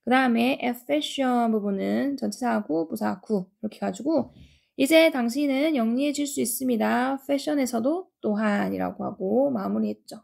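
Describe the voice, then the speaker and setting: A woman teaching English grammar with a slightly raised pitch and a gravelly edge. She explains each sentence step by step and slows right down for the English lines. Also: a little mellow. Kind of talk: grammar lesson.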